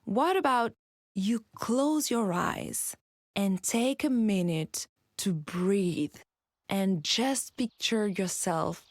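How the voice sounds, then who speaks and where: A woman's voice: medium pitch, very slow, no room sound. Woman host narrating in a dry close voice. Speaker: podcast host. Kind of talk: scripted podcast narration.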